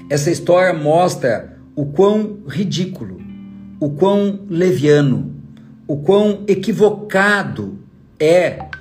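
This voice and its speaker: A man's voice: on the high side, a little mellow. A man giving an emphatic motivational talk as a trainer, full of rhetorical questions aimed at the listener. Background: faint guitar music.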